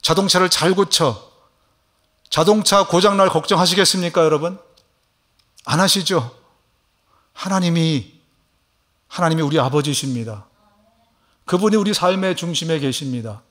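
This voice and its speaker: Emphatic Korean pastor preaching. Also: male voice, fairly high pitch, fairly bright tone. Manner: emphatic preaching, voices Jesus' questions slowly; asks the congregation questions, affirming 'ye'. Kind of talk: sermon. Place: church sanctuary.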